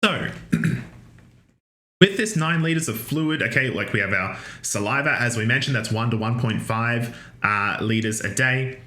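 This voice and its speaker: A man from Australia, working as a university lecturer, covers anatomy at a normal speed in a mid-range, bright, forward voice. He's relaxed and conversational, with fillers, restarts, and joking asides, and the recording has the echo of a large room.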